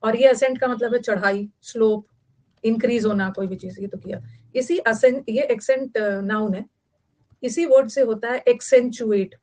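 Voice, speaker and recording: A woman's voice: on the high side, moderate pace, darkish tone. A woman from Bihar, teaching vocabulary in a chatty online class and repeating key words for note-taking. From Bihar, India.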